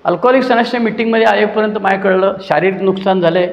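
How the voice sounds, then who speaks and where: High-voiced man telling his story in an echoey hall. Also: quick pace. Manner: animated storytelling, acting out quoted people with mocking asides. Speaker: recovery group member sharing his story. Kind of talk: personal testimony at a support meeting. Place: meeting hall. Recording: dull lo-fi recording in an echoey hall.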